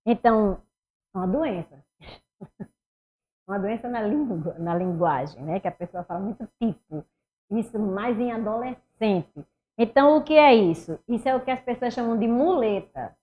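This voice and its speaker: Speaking in a mid-range voice, this middle-aged woman teaches Portuguese online with a Northeastern Brazilian accent. Her exam-prep lesson is animated, and she walks students through each step, though the lo-fi audio comes across a bit dull.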